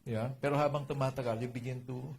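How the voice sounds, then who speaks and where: A man's voice: mid-range voice, fairly even intonation, fast talker, vocal fry, a little mellow, slight background noise. A middle-aged man with a Filipino accent preaching a sermon in a chatty way, mixing in English, often asking his listeners "right?" and adding joking asides. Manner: Taglish code-switching, conversational, asks "di ba?" often; jokey asides with laughter. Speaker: pastor.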